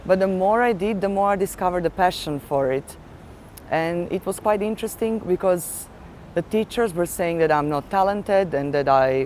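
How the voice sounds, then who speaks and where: A woman's voice: on the low side, a little mellow, a little hiss or hum. Woman in her thirties. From Serbia. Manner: earnest, searching for words with fillers. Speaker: ballet dancer. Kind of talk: interview monologue.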